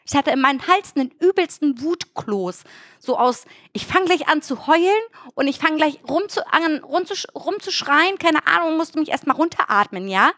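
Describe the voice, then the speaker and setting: Young woman, high voice, dry close sound, animated swearing storyteller in casual chat. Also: moderate pace, no echo. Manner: animated, swearing, acts out dialogue.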